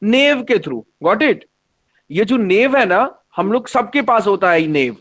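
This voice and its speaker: A man teaching an online science class, lively and often checking that the students follow. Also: high-pitched, takes it slowly.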